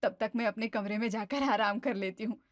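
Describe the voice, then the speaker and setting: A woman's voice: mid-range voice, fairly quick, pitched below the performer's own voice, close to an everyday voice. A woman voicing a scheming older mother-in-law who is obsessed with tea and sighs and grumbles theatrically. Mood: dramatic.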